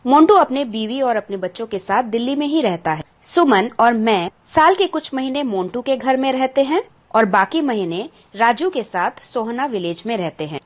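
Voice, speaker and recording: A woman's voice: a little high, animated, normal speed, hardly any pauses. A woman teacher patiently explaining a school textbook chapter to children, glossing English words and asking the pupils questions.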